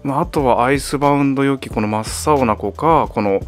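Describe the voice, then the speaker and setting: A man chatting casually while unboxing toys, getting excited and breaking into laughs and exclamations. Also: mid-range voice, a little fast, faint music behind. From Japan.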